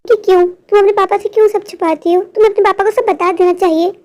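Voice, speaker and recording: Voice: extremely high pitch, fairly even intonation, fast, darkish tone. Raju, a woman voicing a stubborn cartoon boy. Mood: reassuring. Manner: reassuring, insistent. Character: stubborn, protective young boy. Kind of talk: animated cartoon voice acting.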